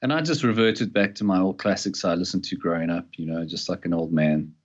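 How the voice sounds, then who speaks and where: Man from Utah, low voice, laid-back storytelling, dull lo-fi call sound. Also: brisk. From Utah, USA. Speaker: guest, former touring guitarist. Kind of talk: casual chat.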